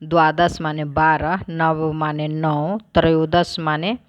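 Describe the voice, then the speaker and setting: A woman teacher who reads each word aloud, then explains it plainly, in a slow, deliberate lesson. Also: low voice, flat delivery, dry recording, dull audio.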